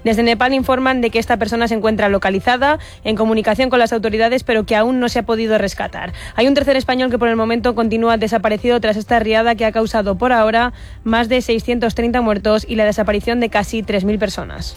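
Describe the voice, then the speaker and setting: A reporter reading a radio news item in a formal, rapid way. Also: mid-range voice, steady tone.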